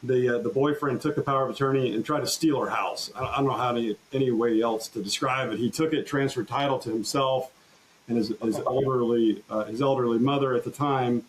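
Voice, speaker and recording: A man, a trial lawyer, telling courtroom stories in an earnest, halting way with frequent restarts in a podcast interview. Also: mid-range voice, fairly even intonation, slight background noise, rough recording. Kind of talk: conversational storytelling interview.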